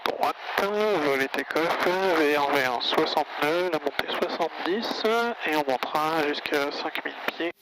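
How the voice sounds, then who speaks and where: Higher-voiced male pilot over a noisy headset. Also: unhurried, hardly any pauses. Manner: clipped, procedural phrasing. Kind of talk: cockpit checklists and radio calls. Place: small aircraft cockpit. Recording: loud engine noise, aviation headset audio.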